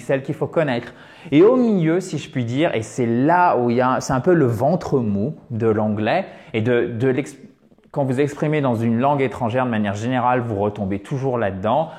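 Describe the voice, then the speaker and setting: A man teaching an English lesson, explaining with many pauses, fillers and checks like "ok?". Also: fairly high pitch, a little mellow.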